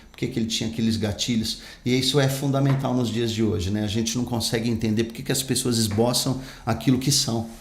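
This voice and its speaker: A man's voice: medium pitch, darkish tone, reverberant. A man, an actor and pastor telling his life story in an emphatic, earnest way as a podcast guest. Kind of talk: personal storytelling in an interview.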